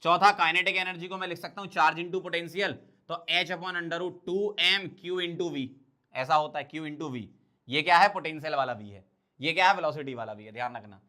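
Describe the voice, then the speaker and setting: A man teaching exam-prep chemistry, quickly asking questions and answering them himself. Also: a little high, sharp tone. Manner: quick, drilling, asks and answers his own questions. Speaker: chemistry tutor.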